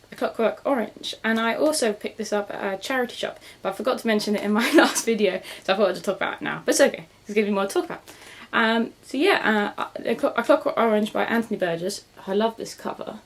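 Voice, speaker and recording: A young woman talks through her monthly reading in a loose, rambling way. She corrects herself mid-sentence and laughs easily. Her voice sits at an ordinary middle pitch. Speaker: book vlogger. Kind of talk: casual book review chat.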